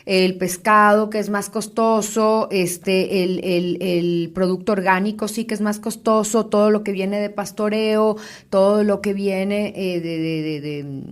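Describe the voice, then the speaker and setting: A woman's voice: medium pitch, measured pace. Chatty female interview host. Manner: chatty, lively, talks with fillers and restarts. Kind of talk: conversational interview.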